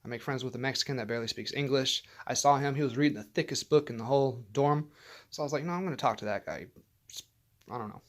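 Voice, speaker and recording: Man vlogger, mid-pitched, casual rambling storyteller, swears a lot, stumbles and restarts. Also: fairly even intonation, fast talker. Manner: rambling and profane, many fillers and restarts.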